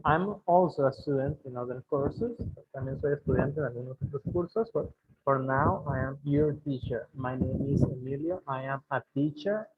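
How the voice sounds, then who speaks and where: Husky man teaching over tinny audio. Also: mid-range voice. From Guatemala. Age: 30s. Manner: repeats phrases slowly for learners. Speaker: English teacher. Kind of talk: bilingual classroom lesson.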